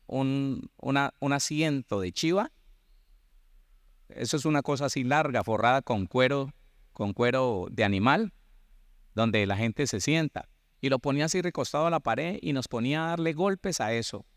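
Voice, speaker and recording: An older Colombian man in his sixties preaches through personal stories. He repeats phrases and acts out the dialogue with animated energy, at a middle pitch. The sound is dry and close, with no room reverb. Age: 60s. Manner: animated, repetitive storytelling, acting out dialogue. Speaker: pastor. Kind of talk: sermon with personal storytelling.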